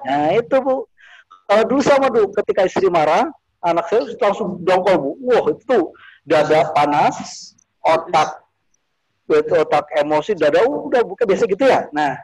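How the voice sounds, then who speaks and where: A man's voice: high-pitched, rough recording. A man giving an informal religious talk, chatty, often asking his listeners questions. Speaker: religious teacher.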